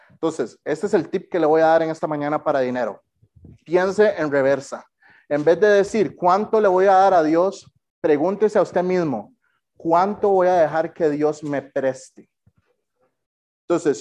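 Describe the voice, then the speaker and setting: A man's voice: on the high side, a little mellow. A man preaching a sermon in a conversational way, often putting direct questions to his congregation. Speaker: pastor.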